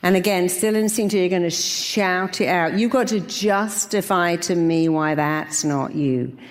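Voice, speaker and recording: Woman motivational speaker, lowish voice, commanding and emphatic, short repeated phrases, big echoing hall. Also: moderate pace. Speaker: motivational speaker leading affirmations. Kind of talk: motivational seminar speech with call-and-repeat affirmations. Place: large hall with an audience.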